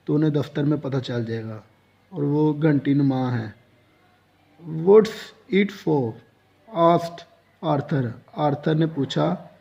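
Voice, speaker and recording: A man with a Pakistani accent giving an English lesson, reading story lines at a slow, careful pace. His voice is dark and gravelly. The recording is dull and lo-fi. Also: fairly high pitch. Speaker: English teacher. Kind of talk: lecture reading and translating a story line by line.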